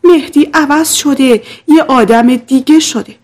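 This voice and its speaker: A woman's voice: high voice, darkish tone, voice pushed up, natural voice. Young wife, distraught, tearful, pleading, read by a woman.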